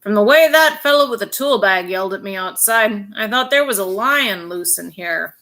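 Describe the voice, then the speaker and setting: A woman doing a loud, good-natured policeman. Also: medium pitch, animated, normal speed. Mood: puzzled.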